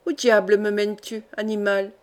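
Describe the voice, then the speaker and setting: A woman's voice: medium pitch, level tone, moderate pace, natural voice. A woman reading aloud voices a proud young count who hurls haughty insults in a fury. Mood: indignant.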